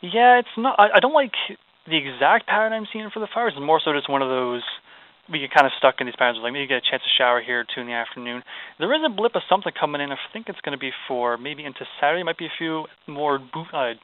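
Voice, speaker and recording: Quick-talking forecaster, man on phone line. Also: on the high side, no echo. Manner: informal, hesitant, chatty. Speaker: weather forecaster. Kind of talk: casual live weather chat. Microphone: phone call.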